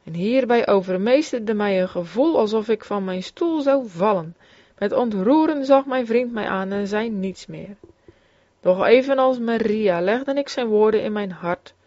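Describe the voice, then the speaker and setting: A woman reads an old devotional memoir in a steady, solemn voice, in no hurry. Her pitch sits in the middle. The recording is dry and a little dull, as if made close to a plain home mic. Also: unhurried, no room sound. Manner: steady, solemn reading in formal old-fashioned Dutch. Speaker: reader. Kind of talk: reading a religious memoir aloud.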